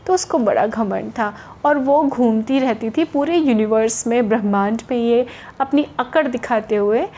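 A woman telling a story to children, speaking lively and addressing them directly. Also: fairly high pitch, normal speed, lo-fi sound, slight background noise.

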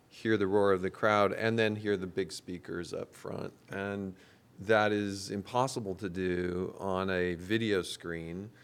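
Deep, smooth-voiced man leading a discussion. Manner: measured, thoughtful, poses questions. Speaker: host and company executive. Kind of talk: conversational panel discussion.

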